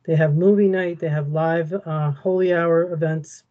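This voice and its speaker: A woman explaining a website during a screen share in an online meeting, talking in a steady, explanatory way. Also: low-pitched, normal speed, phone-quality sound. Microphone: video call.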